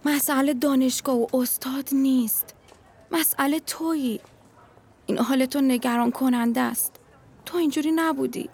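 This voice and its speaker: A woman's voice: high-pitched, fairly even intonation, a little mellow, slightly rough. A woman playing a caring young female university classmate in an audio drama, worried and probing. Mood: concerned. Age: young adult.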